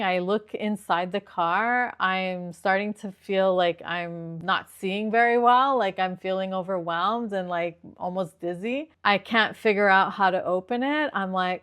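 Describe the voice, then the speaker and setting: A woman's voice: mid-range voice, a bit bright. Woman vlogger telling a car story. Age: middle-aged. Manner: emotional, retelling with quoted dialogue. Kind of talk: casual storytelling. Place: inside a parked car during a storm.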